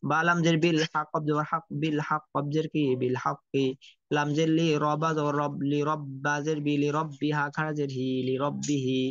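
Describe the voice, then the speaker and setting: A fairly high-voiced man leads a Quran reading lesson. He drills each Arabic letter and vowel sign in slow, chanted repetition. The recording is dry and dull, with no room sound. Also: level tone, no echo. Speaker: Quran recitation teacher.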